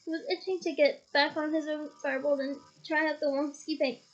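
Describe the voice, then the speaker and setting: Woman reader, high voice, chatty asides, lo-fi home recording. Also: flat delivery, a little fast. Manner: casual, stops to comment and laugh. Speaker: audiobook reader. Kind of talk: reading a novel aloud with asides.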